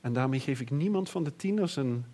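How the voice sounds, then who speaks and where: A middle-aged man preaching a sermon in an earnest, reflective way, often pausing and restarting. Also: mid-range voice, lively intonation, warm tone.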